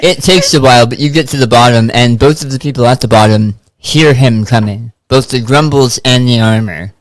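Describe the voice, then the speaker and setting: A man's voice: medium pitch, brisk, no echo, rough recording. A man acting as game master, narrating a tabletop scene conversationally and addressing the players.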